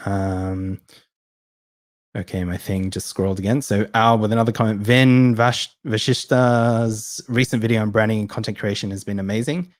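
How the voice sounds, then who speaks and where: A man's voice: lowish voice, no echo. A man hosting a casual live Q&A, reading out viewer questions and answering in a chatty way with lots of ums and restarts. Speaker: host of a live Q&A session.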